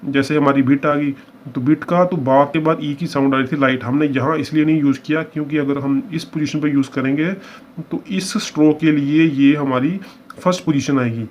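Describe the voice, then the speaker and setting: Man teaching a slow, patient lesson. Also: medium pitch. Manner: explains patiently, often checks understanding. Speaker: shorthand teacher. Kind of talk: step-by-step lesson. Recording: dull lo-fi with faint hiss.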